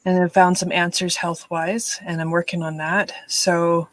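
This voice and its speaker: A woman's voice: fairly low pitch, level tone, a little slow, no echo, rough recording. A middle-aged woman hosting a live writing stream, chatting casually, telling stories and laughing often. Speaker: host of live writing sprints. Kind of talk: casual livestream chat.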